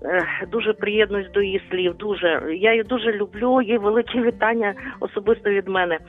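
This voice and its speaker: A woman's voice: mid-range voice, steady tone, quick pace. A woman phones in to a radio program and shares her testimony in an earnest, devout tone that sometimes rambles. Her voice comes through a narrow, tinny phone line, with faint music playing underneath. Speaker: radio caller.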